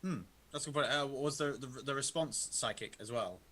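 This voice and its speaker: A man's voice: medium pitch, fairly quick, sharp tone. A man in a tabletop game, chatting and role-playing with formal, wordy phrasing. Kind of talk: casual game chat and role-play.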